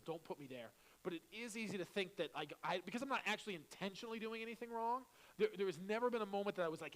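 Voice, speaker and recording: A man preaching as a pastor at a marriage seminar, candid and joking, dropping to quiet asides and rising to loud bursts. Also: on the high side, low-quality recording. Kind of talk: sermon.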